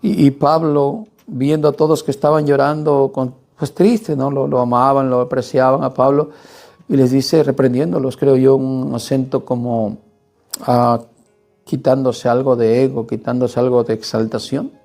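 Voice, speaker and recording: A male preacher delivering a sermon with a gravelly, low-toned warmth in his voice. He pushes his points hard and keeps checking in with the listeners through quick questions. Faint music plays softly behind him. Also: steady tone. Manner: emphatic, asks the congregation rhetorical questions.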